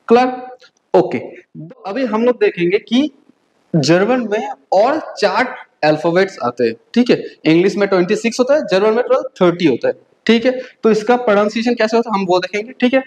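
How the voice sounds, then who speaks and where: A woman's voice: medium pitch, a little mellow, rough recording. Patient woman drilling letter sounds. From India. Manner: patient drilling, frequent "okay?" check-ins, slow spelled-out letters. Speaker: German language teacher. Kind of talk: beginner language lesson.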